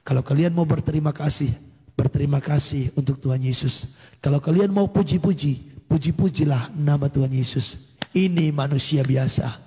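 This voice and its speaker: Husky-voiced pastor preaching in a reverberant hall. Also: male voice, a little high, normal speed. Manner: animated storytelling that acts out dialogue, with exclamations of hallelujah. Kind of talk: sermon testimony at a morning prayer service.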